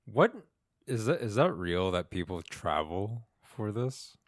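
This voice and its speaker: Chill guy co-hosting a podcast, talks slow and halting, close dry sound. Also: fairly low pitch, very animated, no room sound. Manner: laid-back, halting, self-interrupting. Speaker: podcast co-host. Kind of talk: casual chat.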